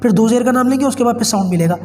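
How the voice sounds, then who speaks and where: A man's voice: very high-pitched, mellow, long reverb tail, soft background music. A man teaching Quran reading in an online class, patiently spelling out drills, with a cold and a cough, speaking with a Pakistani Urdu accent.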